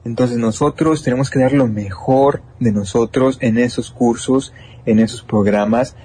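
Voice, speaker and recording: A young man, an engineering student with a Mexican Spanish accent, answers interview questions earnestly, restarting often and using many fillers. His voice is medium-pitched and warm, with fairly even intonation and a slightly slow pace. There's a little hiss or hum in the recording.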